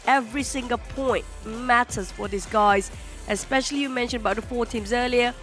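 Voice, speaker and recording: A woman's voice: fairly high pitch, a bit bright. A woman with a nasal voice, casting an esports league in chatty desk-analysis style. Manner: chatty, with restarts and fillers. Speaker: esports caster.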